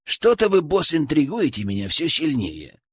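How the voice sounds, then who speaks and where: A man's voice: wildly swooping pitch, normal speed, slightly rough, heavily acted. A man doing a grumbling young man. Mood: skeptical. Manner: low mumbling through clenched teeth.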